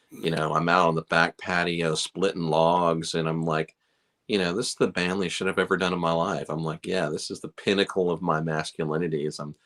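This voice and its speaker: A middle-aged Chicago man who owns a beard company chats casually on a livestream. His voice is low and a bit bright, and he rambles in a self-deprecating way, filling his talk with lots of fillers.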